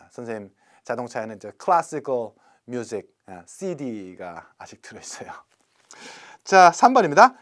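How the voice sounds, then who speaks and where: Lively male English teacher. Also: fairly high pitch. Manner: playful, chatty, slowly spells out English words. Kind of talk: recorded classroom lecture.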